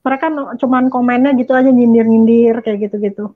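A chatty woman hosts a relaxed interview, her voice sitting high and bright. She talks easily and laughs often, and the recording sounds a little dull and lo-fi. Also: fast. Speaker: host. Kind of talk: casual interview chat.

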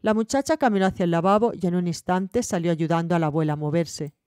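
Woman narrator, measured novel reading, mellow tone, dry close sound. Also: lowish voice, clear, resonant tone, no room sound. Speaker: audiobook narrator. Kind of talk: scripted audiobook narration.

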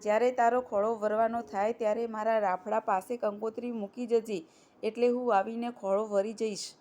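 A woman's voice: on the high side, fairly even intonation, normal speed, lightly acted. Woman reading as a motherly cobra spirit. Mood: kind. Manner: gentle, soothing.

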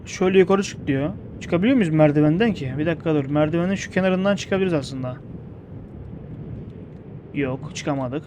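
An excitable young man commentates his gameplay with a fairly high voice, joking and shouting at the screen. A faint hum sits under the recording. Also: fairly quick. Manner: excitable, jokey, yells at the game. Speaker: gameplay streamer.

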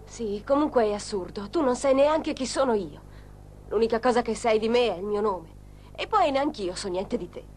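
A woman's voice: on the high side, lively intonation, normal speed, darkish tone, a little hiss or hum, natural voice. A woman voicing a hesitant, doubtful young woman being courted, in a dubbed telenovela. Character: wary young woman named Rosa. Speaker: romantic heroine.

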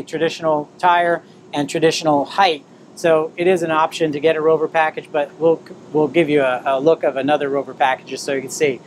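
A man in his fifties leads a casual walk-through tour of a small camper trailer at an outdoor RV display, explaining and pointing out features as he moves in and around it. His voice sits on the high side, with slight background noise.

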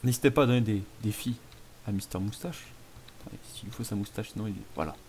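A man's voice: lowish voice, fast, a little mellow, slight background noise. A man casually commentating a video game, playful and self-mocking as he chats with viewers. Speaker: gaming YouTuber. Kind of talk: casual let's play commentary.

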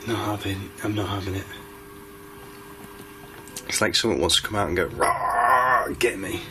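A man's voice: deep voice, steady tone, moderate pace. Uneasy man coaxing a spirit. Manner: uneasy, then coaxing a spirit to show itself. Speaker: paranormal investigator. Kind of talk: calling out during a ghost-hunting vigil. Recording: noisy night-vision field recording.

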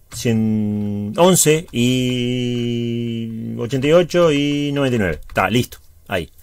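Male teacher, Uruguayan Spanish accent, mid-pitched, step-by-step tutorial delivery, dry recording. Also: a little mellow, dry recording. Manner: chatty, explains step by step with frequent check-ins. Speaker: high school teacher. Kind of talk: spreadsheet tutorial.

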